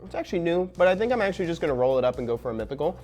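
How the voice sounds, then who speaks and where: A man's voice: a little high, rapid-fire, soft background music. Upbeat young man hosting a game stream. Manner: upbeat, excitable, talks with mouth full. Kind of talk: casual live-stream chat while eating.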